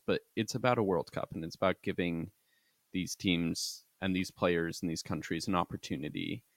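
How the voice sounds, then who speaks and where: A man's voice: low-pitched, vocal fry, a bit bright, no echo. A man co-hosting a casual sports podcast, earnestly arguing his view at length. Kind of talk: casual rugby talk.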